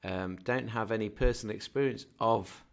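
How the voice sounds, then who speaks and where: A man in his thirties with a Scouse accent co-hosts a podcast from a room at home, talking into a desk condenser mic over a video call. His voice is lowish and creaky, moving at a moderate pace as he jokes and rambles through casual chat full of fillers.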